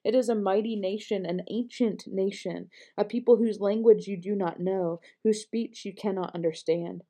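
A woman reading scripture aloud in a measured, earnest way, with the odd small slip. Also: medium pitch, steady tone, mellow. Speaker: scripture reader.

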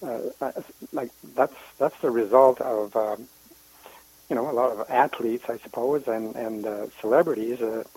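Man, from Canada, radio guest, husky voice, hesitant delivery. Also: medium pitch, moderate pace, a little mellow, rough recording. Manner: hesitant, many uhs and restarts. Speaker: guest commentator. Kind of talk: casual radio interview.

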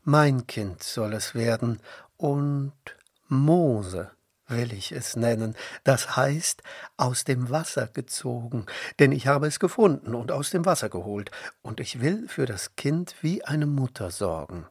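A man's voice: medium pitch, slow pace, slightly rough, no room sound, clean studio sound, exaggerated voice. A man reading the part of a young Egyptian princess, calling out eagerly and speaking with tender pity. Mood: compassionate. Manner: raised excited exclamations, tender pity.

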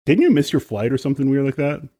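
A man co-hosting a podcast, a musician chatting casually and complaining with drawn-out emphasis. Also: mid-range voice, animated, mellow, no echo. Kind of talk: casual chat.

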